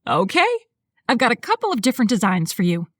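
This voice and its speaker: Woman doing a brisk, bubbly Texan designer lady. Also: on the high side, big pitch swings, a bit bright, no echo. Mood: bustling. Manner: upbeat, bustling. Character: brisk purposeful female interior designer.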